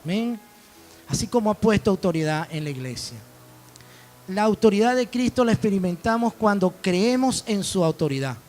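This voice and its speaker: A man's voice: sits high, lively intonation, normal speed, darkish tone. A man preaching a sermon as pastor, telling stories and acting out dialogue. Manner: storytelling preacher, quoting dialogue.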